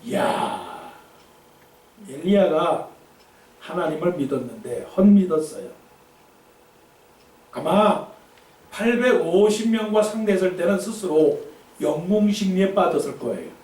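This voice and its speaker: A man's voice: high-pitched, unhurried, long pauses, a little mellow. A male pastor preaching a dramatic sermon, firing rhetorical questions at his congregation. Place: church sanctuary. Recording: echoey church from a distance.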